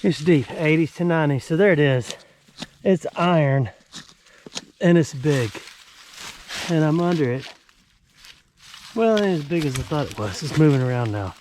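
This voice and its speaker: A man's voice: fairly high pitch, expressive, normal speed, long pauses, a little mellow, a little hiss or hum. A man giving casual, wryly joking commentary outdoors as he vlogs about metal detecting. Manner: folksy, wry joking. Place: outdoors in a rural yard.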